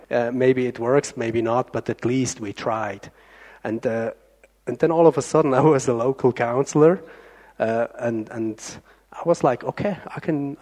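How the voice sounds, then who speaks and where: A man, a local councillor, answering on a panel in a relaxed, chatty way and quoting his own thoughts. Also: mid-range voice. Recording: echoey hall.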